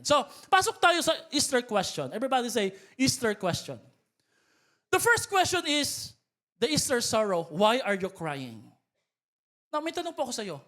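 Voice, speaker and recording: A man's voice: high-pitched, pushed and bright. A man with a Filipino accent preaching a sermon as pastor, switching between Tagalog and English and building to emphatic calls to the congregation. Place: church hall.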